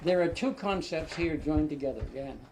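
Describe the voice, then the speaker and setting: In a classroom lecture, an older man breaks down pronunciation step by step and keeps checking in with "right?" His slightly high, a little mellow voice is animated and moderately paced, caught by a far-off mic in an echoey room with faint noise.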